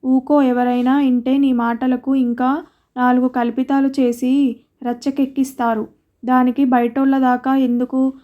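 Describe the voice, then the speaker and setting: A woman's voice: sits high, level tone, unhurried, narrow, tinny audio. A woman voicing a stern, protective older village mother-in-law who scolds bluntly in a storybook reading. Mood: scolding.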